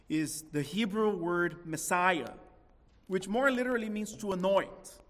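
A man preaching a sermon as pastor, slow and emphatic, rising into dramatic swells and dropping to hushed lines. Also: high-pitched, big-room sound. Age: adult with a young son.

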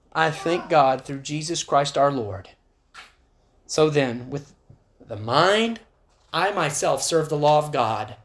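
Man, preacher, sermon at prayer meeting, earnest, emphatic, echoey chapel. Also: fairly high pitch. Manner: earnest, rises to emphatic when reading scripture.

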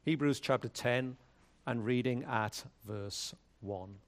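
A man speaking at a pulpit microphone, a pastor leading prayer and reading scripture in a measured, solemn way. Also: mid-range voice. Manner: measured, solemn liturgical delivery.

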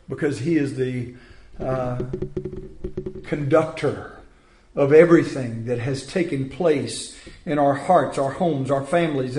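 A man preaches with a fairly high voice, taking his time over every phrase. He leans on words and repeats them for emphasis, and the room around him rings with echo. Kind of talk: sermon.

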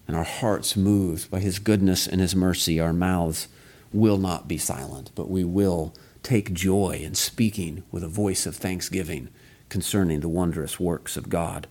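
A man delivers a sermon in a fairly low voice. He moves through scripture steadily and earnestly, leaning on key phrases with slow, deliberate emphasis. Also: a little mellow. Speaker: preacher.

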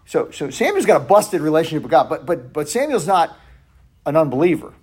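A man teaches a Bible study in an easygoing, conversational way. He stumbles and corrects himself as he goes and sometimes drops to a near hush. His voice sits a little high for a man. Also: very animated, a little fast, breathy edge.

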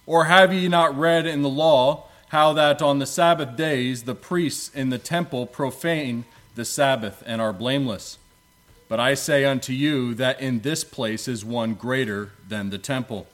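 A man preaching at a pulpit microphone in a church sanctuary. He prays and reads scripture at a measured, solemn pace, using archaic biblical phrasing, with a voice of ordinary pitch. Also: steady tone, fairly bright tone. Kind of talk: prayer and scripture reading in church.

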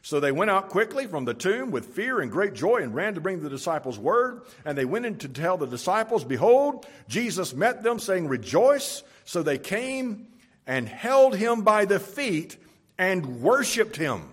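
Husky-voiced man preaching a sermon. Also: high voice, sing-song, unhurried. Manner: reads scripture aloud with emphatic rises. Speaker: pastor. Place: church sanctuary.

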